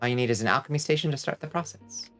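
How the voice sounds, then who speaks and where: A man's voice: medium pitch, very fast, fairly bright tone, lightly acted. A man plays a helpful video game alchemist, presenting wares in formal, instructive sales talk. Faint music runs underneath. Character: helpful fantasy alchemist shopkeeper explaining potions and wares. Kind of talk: fantasy video game character read aloud.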